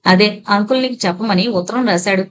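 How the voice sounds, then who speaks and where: Kind soft-spoken old grandpa done by a woman narrator, hushed and soothing. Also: mid-range voice, fast talker, natural voice. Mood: gentle. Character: gentle, kindly old grandfather.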